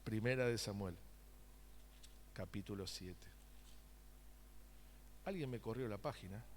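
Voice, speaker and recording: A man's voice: fairly low pitch, a little slow, long reverb tail, a little hiss or hum. A man preaching a sermon, asking the congregation questions and making joking asides. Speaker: pastor. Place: church sanctuary.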